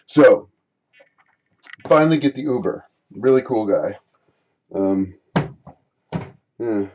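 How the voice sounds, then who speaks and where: A man vlogging, rambling through a personal story in a halting way, often repeating and restarting his phrases. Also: lowish voice, animated, muffled recording, background noise.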